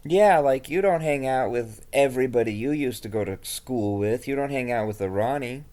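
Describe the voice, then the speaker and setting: A man's voice: medium pitch, normal speed, darkish tone. A man talking casually in an improvised role-play, blunt and offhand, with a dismissive streak.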